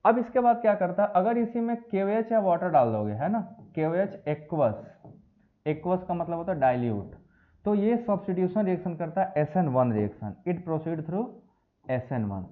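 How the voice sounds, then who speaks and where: A man's voice: sits high, normal speed. A man teaching a chemistry lecture to students, calling them beta and mixing English phrases into his explanation. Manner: lively, addresses students as beta and bachche. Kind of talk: classroom lecture. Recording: tinny phone-like audio.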